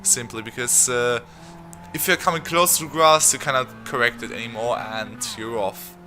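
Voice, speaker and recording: Bright-voiced man, fast game commentary. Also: mid-range voice, faint music behind. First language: not English. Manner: fast, rambling, chatty with many fillers. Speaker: sim racing channel host. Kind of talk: live racing game commentary.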